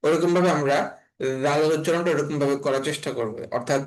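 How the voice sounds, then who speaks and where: A man from Bangladesh teaching an online class on letter pronunciation, speaking slowly and repeating each sound several times. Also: a little high, low-quality recording. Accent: Bangladeshi Bengali. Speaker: Quran reading teacher.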